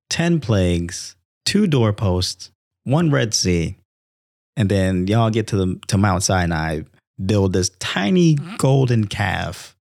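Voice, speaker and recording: A young man hosting a Bible reading show, telling the stories in a casual, animated way and acting out the characters' lines. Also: on the low side, gravelly, no room sound, clean studio sound. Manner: animated storytelling, acts out quotes; conversational with frequent restarts. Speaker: Bible reading podcast host. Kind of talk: casual devotional commentary.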